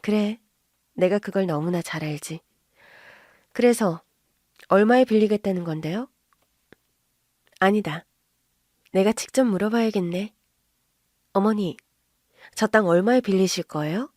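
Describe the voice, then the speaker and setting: A woman's voice: medium pitch, measured pace, long pauses, dry recording, lightly acted. Brief: poised young sister-in-law, played by a woman reader, cool and cutting, dry sound. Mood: self-assured. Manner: calm, cold, quietly mocking.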